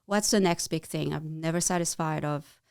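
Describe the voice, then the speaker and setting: Middle-aged French-accented woman, smooth, dry close mic, halting interview guest. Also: sits low, fairly even intonation, darkish tone, dry recording. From France. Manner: halting, with many restarts and fillers. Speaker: guest, chief marketing officer. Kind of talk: casual interview.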